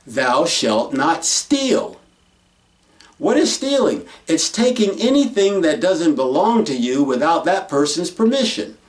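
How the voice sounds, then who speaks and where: A man preaching a folksy sermon in a slow, emphatic way, asking questions and answering them himself. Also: a little high, recorded from a distance.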